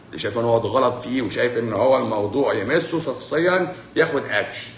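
Egyptian male doctor, livestream host, rapid blunt lecturer, echoey room. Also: mid-range voice, slight background noise. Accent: Egyptian Arabic. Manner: lecturing, blunt, with frequent rhetorical checks. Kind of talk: livestream talk to viewers.

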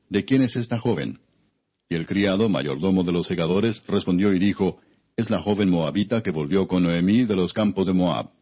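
A man narrating scripture as an audiobook in a solemn, measured reading style. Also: low voice, breathy edge. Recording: dull, muffled lo-fi recording.

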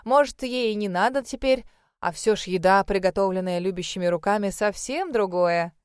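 Woman voicing a loud bustling mother-in-law. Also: medium pitch, normal speed, clean tone, no echo, clean studio sound, lightly acted. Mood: boisterous. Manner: loud, exclamatory, fussing.

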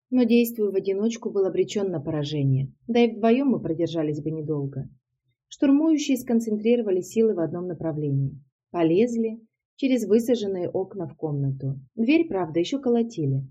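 A woman reading a first-person novel aloud, steady and matter-of-fact. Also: mid-range voice, moderate pace, breathy edge, lo-fi sound. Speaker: audiobook narrator. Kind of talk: first-person audiobook narration.

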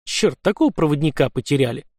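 A gloomy male commissar grumbles and presses his questions, as a male audiobook narrator puts him on. His voice is a touch higher than average. The recording is dry and close. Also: expressive, fast talker, dry recording. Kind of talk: audiobook character voice.

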